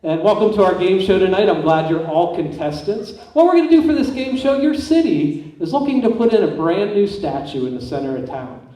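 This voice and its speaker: A man's voice: sits high, lively intonation, fairly quick, hardly any pauses, mellow. A man working as a stage hypnotist and host, giving simple repeated instructions and questions to volunteers in a live comedy show. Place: large indoor school stage, echoing. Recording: echoey hall, picked up from far off.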